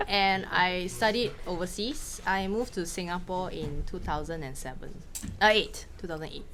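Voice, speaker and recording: A woman from Malaysia, a film director, answering questions in a casual talk with quick anecdotes and frequent laughs. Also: on the low side, crowd noise. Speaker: film director giving a masterclass.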